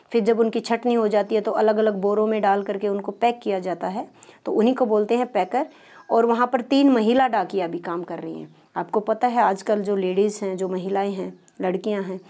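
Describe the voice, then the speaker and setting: A woman with a mid-range, darkish voice teaches a primary school lesson. Patient and explanatory, she poses questions and then answers them herself.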